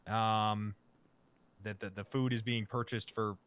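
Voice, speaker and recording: A man's voice: fairly low pitch, level tone, unhurried, fairly bright tone, slight background noise. A man arguing a case as prosecutor in a role-play court, hesitant and full of fillers.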